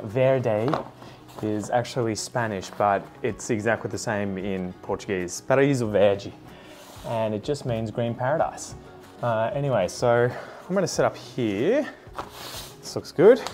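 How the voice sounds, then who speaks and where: A plant vlogger in his thirties with an Australian accent chats casually and thinks aloud while doing plant chores in his lounge room full of houseplants. His medium-pitched voice is expressive and a little mellow at a measured pace, with soft music behind.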